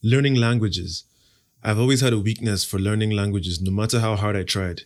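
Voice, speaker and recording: This young man from Nigeria, whose first language is Igbo, has a low voice and a cocky, playful sense of assurance. Acting as podcast host and interview guest, he fires back quick answers as though relishing his own lines, sounding confident and self-assured.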